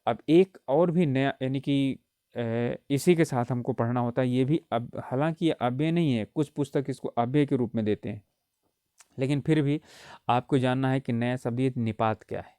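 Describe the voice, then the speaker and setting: Male tutor, exam-prep lecture, clear resonant tone, repeats points and checks in often. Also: medium pitch, normal speed, warm tone, dry recording, studio quality. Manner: explains patiently with frequent "ठीक है" check-ins; repeats key points for emphasis. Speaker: Hindi grammar teacher.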